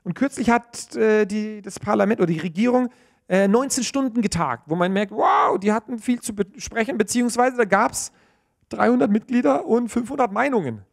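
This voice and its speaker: A man in his thirties preaching a sermon in church, earnest and animated, often restarting mid-phrase. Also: high-pitched, moderate pace, vocal fry.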